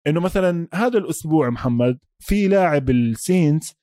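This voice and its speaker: A man's voice: fairly high pitch, lively intonation, quick pace, warm tone, dry recording, studio quality. A man with a Palestinian-Jordanian Levantine Arabic accent co-hosting a casual sports discussion, mixing English sports terms into his Arabic. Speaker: sports podcast host.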